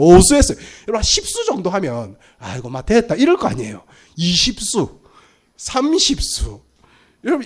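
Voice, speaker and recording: Brief: pastor giving a sermon, man, high and very lively voice, animated storyteller. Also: breathy edge. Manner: animated storytelling, acting out scenes.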